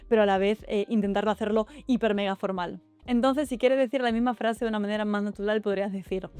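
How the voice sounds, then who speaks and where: A woman's voice: mid-range voice, a little mellow, clean tone, no echo. A young Spanish woman with a Spanish accent, giving chatty, upbeat exam advice in a casual vlog. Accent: Spanish (Spain). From Spain. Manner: chatty and upbeat, with quick asides to the viewer. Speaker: YouTuber giving study-abroad and exam advice. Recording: faint music behind the voice.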